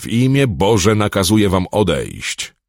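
A man voicing an aging priest, fervent and defiant in his last stand, with a deep gravelly husky voice. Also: lively intonation, slow pace, no room sound, studio quality, exaggerated voice. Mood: prayerful.

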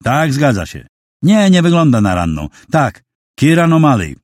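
A man's voice: medium pitch, sing-song, normal speed, a little mellow, dry recording, studio quality, voice pushed up, close to an everyday voice. A man voicing a shaken young man who reports urgently on the phone. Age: young adult.

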